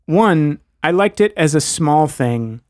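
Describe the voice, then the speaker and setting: A man's voice: fairly high pitch, lively intonation, slow pace, a little mellow, dry recording, clean studio sound. A man co-hosting a podcast, talking through a TV episode in a thoughtful, analytical, wordy way. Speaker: podcast co-host. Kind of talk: casual chat.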